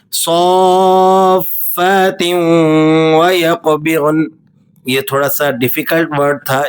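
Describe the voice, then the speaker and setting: A man with a Pakistani Urdu accent teaches the rules of Quran recitation, explaining briskly before reciting each verse in a slow, melodic chant. His voice sits high for a man and comes across smooth and resonant. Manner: switches between quick explanation and slow, drawn-out melodic recitation. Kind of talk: tajweed lesson, explaining and reciting.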